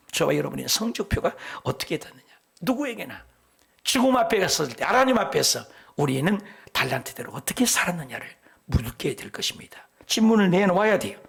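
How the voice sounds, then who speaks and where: Middle-aged male pastor with a rough, breathy voice and lively pitch, preaching with jokes and sudden whispers. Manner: animated preaching, drops to whispers for emphasis; tells folksy jokes between scripture points. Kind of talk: sermon.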